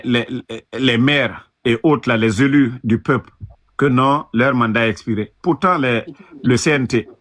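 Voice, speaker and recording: Casting note: man from Guinea, panel guest, earnest and halting, mid pitch. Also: a bit bright. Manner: earnest, halting, many restarts. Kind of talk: political panel talk.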